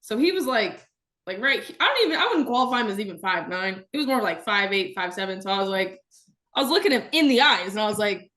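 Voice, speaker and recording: A young adult woman, a podcast guest, telling stories in casual chat, animated and laughing often as she acts out quotes. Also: medium pitch, fast talker.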